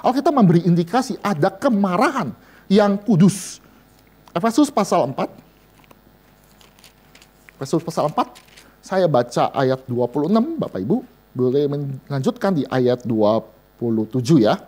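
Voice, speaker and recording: A man delivers a sermon. His pitch swings widely as he jokes and talks straight to his listeners. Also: moderate pace, pauses often. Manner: lively, joking, addresses listeners directly. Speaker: vicar preaching to a women's and seniors' Bible study.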